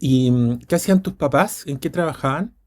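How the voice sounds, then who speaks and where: A podcast host with a Chilean Spanish accent speaks in a highish male voice at normal speed. He's upbeat and chatty during the interview, though he often trips over repeated words.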